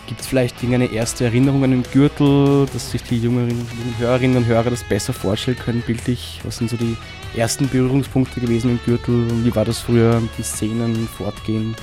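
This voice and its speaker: A man puts his interview questions calmly and deliberately. His pitch stays flat and level, with music playing clearly under his voice.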